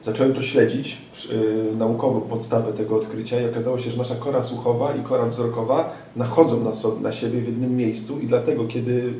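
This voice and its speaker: A man's voice: mid-range voice, flat delivery, fairly quick, hardly any pauses, mellow, roomy sound, recorded from a distance, a little hiss or hum. A man interviewing a guest, curious and asking follow-up questions that sum up the answers.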